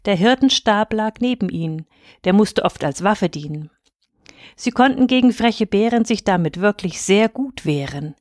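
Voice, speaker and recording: A woman's voice: mid-range voice, a little mellow, no echo, clean studio sound. Woman reading a rhymed Christmas story. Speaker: reader.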